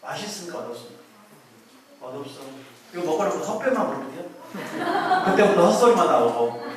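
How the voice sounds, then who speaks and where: A man's voice: high-pitched, very animated, a little fast. A man giving a chatty public lecture, joking and quizzing his audience. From Korea. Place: lecture hall. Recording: very echoey hall, voice from far off.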